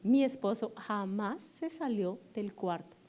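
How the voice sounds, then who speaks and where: A middle-aged woman pastor, telling personal stories to her congregation in an animated, self-mocking way and checking in with the audience often. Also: medium pitch, slow. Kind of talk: storytelling sermon to a congregation. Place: church service.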